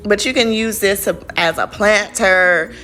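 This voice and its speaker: A woman's voice: mid-range voice, unhurried, sharp tone. A young woman, chatting and rambling in a casual voice-over about her crafts. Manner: chatty and rambling, lots of fillers. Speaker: craft vlogger. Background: faint background music.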